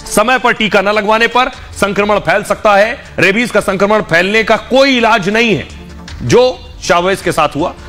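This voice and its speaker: Male news anchor, scripted presenting, high voice, faint music behind. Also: normal speed, sharp tone. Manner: clear explanatory delivery, addresses viewers directly.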